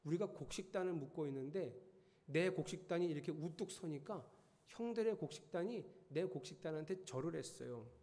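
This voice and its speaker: Man doing a cocky teen boy, bragging, fairly high voice, long hall reverb. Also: animated, brisk, dark tone. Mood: boastful. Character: boastful teenage boy bragging to brothers.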